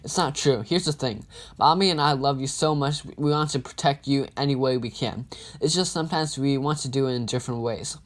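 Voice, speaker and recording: A man's voice: mid-range voice, a little fast, lightly acted. A man reading a storybook aloud and voicing a playful father with a jokey, teasing manner. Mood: earnest.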